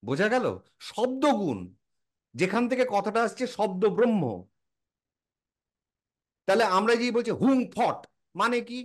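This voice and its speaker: Lively high-pitched man lecturing a friend. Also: a little slow, long pauses. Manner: lecturing, answers his own rhetorical questions; informal, addresses listener as a close friend. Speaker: explainer in a casual chat. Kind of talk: casual explanatory chat.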